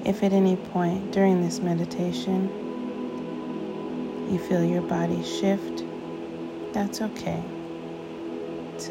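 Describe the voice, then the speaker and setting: Woman, sleep story narrator style, even low-set pitch, soothing guided meditation, prominent music behind. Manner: soothing, unhurried, with long pauses between short phrases.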